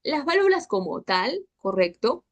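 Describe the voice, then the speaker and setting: A woman's voice: high-pitched, very animated, a little slow. A young woman tutoring a histology class online, chatty and checking in with her students all the time. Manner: chatty, checks in with constant "¿ok?" and "¿listo?".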